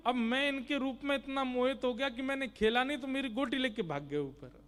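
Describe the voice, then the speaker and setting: A man's voice: very high-pitched, brisk, a bit bright, clear, resonant tone, pitched above the performer's own voice. A man voicing a small boy who pleads again and again for his lost game pieces. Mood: earnest. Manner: pleading, repetitive complaints. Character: small boy, tearful and insistent over his toys.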